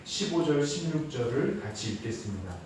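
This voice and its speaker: Pastor, male, higher-pitched voice, delivering a Sunday sermon with questions to the congregation; picked up from a distance in a reverberant church. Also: big pitch swings, fairly quick, a loud crowd. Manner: rises to emphatic passages then drops low. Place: church sanctuary. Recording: echoey hall from far off.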